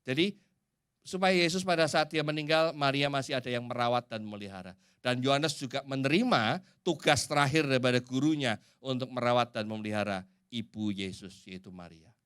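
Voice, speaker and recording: A man with an Indonesian accent preaching a sermon in a church, swinging from loud and emphatic to hushed. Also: medium pitch, brisk, clean tone.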